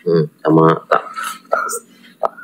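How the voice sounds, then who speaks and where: A man's voice: slow pace, muffled recording. A man hosting an unscripted horror vlog, talking urgently and crying out religious exclamations. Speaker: horror vlog host, spiritual guide.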